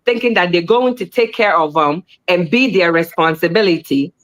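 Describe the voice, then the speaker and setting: At normal speed, a woman on a discussion panel speaks casually, with animation and plenty of repetition. Her pitch rises sharply as she makes her points.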